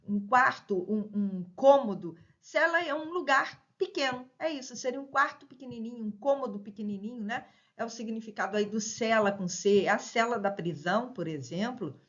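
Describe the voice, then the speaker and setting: A woman teacher walks through a grammar lesson in a somewhat high voice. She leans hard on each example word and keeps checking in with short tag questions. The recording sounds a little dull and lo-fi. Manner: explains with many tag questions like "né?" and "certo?"; stresses example words with sudden loud emphasis.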